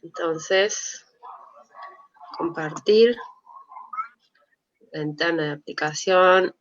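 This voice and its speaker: A woman's voice: lowish voice, extremely slow, a little hiss or hum. A woman with an Argentine accent giving an online medical lecture as a doctor, in a conversational way. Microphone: video call. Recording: dull video-call audio.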